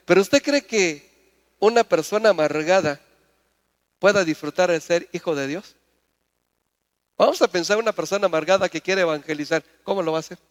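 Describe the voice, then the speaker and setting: Man, pastor, sermon, high voice, call-and-response questions, rising loud and high, echoing hall. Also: normal speed, long pauses.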